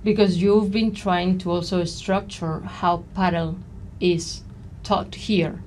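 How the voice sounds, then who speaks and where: A woman's voice: on the low side, fairly even intonation, slow pace, darkish tone, a little hiss or hum. A woman hosting a podcast, asking long friendly questions in a casual interview. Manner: friendly, laughs easily, asks long questions. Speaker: podcast host.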